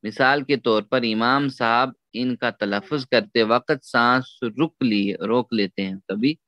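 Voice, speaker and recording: A man teaching Quran recitation rules, repeating letters and words slowly for his students to echo. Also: medium pitch, muffled recording. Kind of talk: tajweed lesson with call-and-repeat drills.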